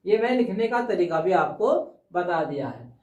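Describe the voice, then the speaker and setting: A man's voice: high voice, animated, a little mellow, far from the mic. Male teacher heard from across a room. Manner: patient, repeats words slowly, checks in with 'ठीक है' often. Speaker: Hindi teacher. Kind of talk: explanatory classroom lesson. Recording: roomy, dull sound from off-mic.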